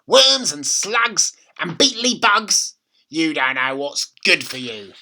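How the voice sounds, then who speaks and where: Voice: medium pitch, expressive, bright, forceful tone, voice pushed up, exaggerated voice. A reader voicing a nasty, witchy old grandmother in a storybook, bossy and gloating, with a throaty voice and menacing emphasis. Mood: gloating relish. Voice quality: throaty, raspy, whispery at times. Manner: snapping, slow menacing emphasis.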